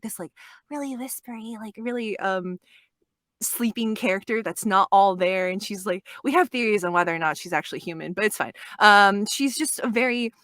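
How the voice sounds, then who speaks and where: A young adult woman, a voice actress guest in a casual podcast interview, chatty and quick to laugh, often restarting her sentences. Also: mid-range voice, a bit bright, no room sound, clean studio sound.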